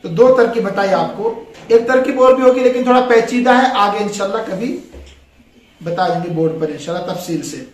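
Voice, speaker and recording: Male teacher, very high pitch, prompting question style, echoey classroom. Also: fairly quick. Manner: quizzing, leaves words for students to finish. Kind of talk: classroom grammar lesson. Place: classroom with a board. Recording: echoey room.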